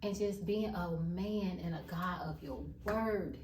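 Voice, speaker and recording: A woman's voice: lowish voice, slow pace, darkish tone, recorded from a distance, slight background noise. Woman testifying in an echoey room. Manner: emphatic, addresses viewers as y'all. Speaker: vlogger. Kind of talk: casual testimony vlog.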